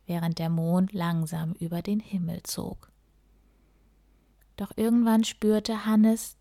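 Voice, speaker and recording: A woman reading children's stories aloud in a soft, often half-whispered voice. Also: lowish voice, no room sound, clean studio sound.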